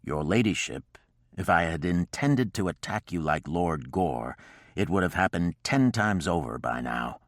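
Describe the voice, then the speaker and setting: A man's voice: a bass voice, animated, normal speed, no room sound, studio quality. A man voicing a stern, patient frontiersman in an audiobook, speaking in a curt, matter-of-fact way.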